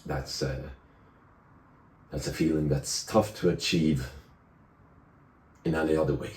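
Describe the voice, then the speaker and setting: Very deep-voiced young man. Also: steady tone, a little slow, a little mellow. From Sweden. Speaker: vlogger. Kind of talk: casual reflective vlog talk to camera.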